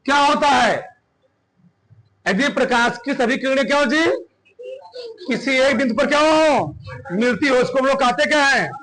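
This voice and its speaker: A male physics teacher dictating a classroom lecture, repeating phrases slowly and quizzing his students. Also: extremely high pitch, a bit bright.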